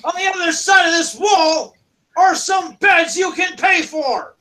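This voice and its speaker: A man voicing stern male kobold city guards who shout and scold. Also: very high-pitched, unhurried, pitched above the performer's own voice, heavily acted.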